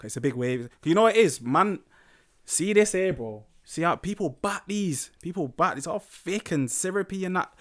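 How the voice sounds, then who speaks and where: A man's voice: high voice, lively intonation, normal speed. A young man, chatting casually and in thick street slang as a musician being interviewed. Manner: slangy roadman talk. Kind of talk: casual chat.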